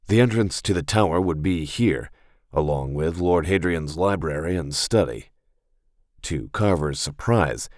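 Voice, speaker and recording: A man reading a fantasy game novel aloud as an audiobook narrator, in a steady, even manner. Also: sits low, no echo, clean studio sound.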